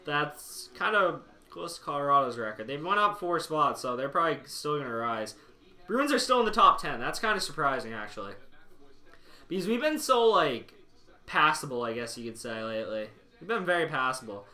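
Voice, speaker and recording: A man's voice: on the high side, big pitch swings, normal speed, sharp tone. A young man live-streaming, chatting casually and wryly to his chat, rambling as he thinks aloud. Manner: rambling, wry, talks to chat. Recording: echoey room.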